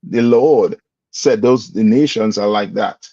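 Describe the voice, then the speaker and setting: With a fairly low, warm voice and a measured pace, a man teaching a religious class quizzes his students and pushes them to answer in call-and-response style. The dull, dry lo-fi recording has no echo.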